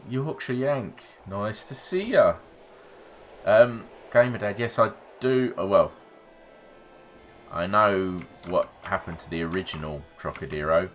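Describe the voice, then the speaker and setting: A man's voice: fairly low pitch, a little slow, a bit bright, slight background noise. A middle-aged man streaming a game, rambling wryly between asides and swearing casually. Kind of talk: casual gameplay commentary.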